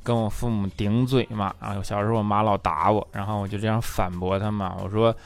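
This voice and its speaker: A man's voice: on the low side, flat delivery, brisk. A man performing a stand-up comedy monologue as host, chatty and teasing, often asking the audience "right?". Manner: chatty, teasing, with frequent rhetorical "right?" asides.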